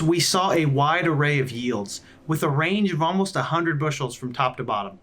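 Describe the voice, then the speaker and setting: A farmer hosting his own vlog, explaining things in a clear, methodical way with dry little asides. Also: fairly high pitch, a bit bright.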